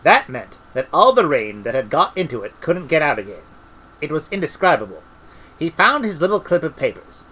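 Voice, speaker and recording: A middle-aged man reading a comic novel aloud with lively, expressive storytelling. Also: a little high, moderate pace, husky, low-quality recording. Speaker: audiobook reader.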